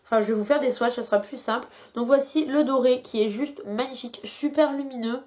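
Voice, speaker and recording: A young woman beauty vlogger speaks briskly in a high voice with a dark tone, chatting casually through a product review. She's got a headache and hesitates throughout.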